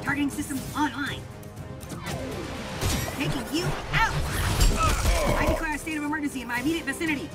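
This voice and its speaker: A man's voice: very high-pitched, brisk, long pauses. A man voicing a gung-ho boy superhero in a cyborg suit, his voice passed through a metallic robotic filter and delivered in clipped announcements. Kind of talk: video game voice acting. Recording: game audio under loud music.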